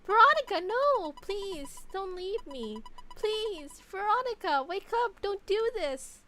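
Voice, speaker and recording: A woman's voice: sits high, big pitch swings, brisk, a bit bright, soft background music. A woman doing an earnest, caring young girl. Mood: pleading. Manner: earnest, pleading delivery.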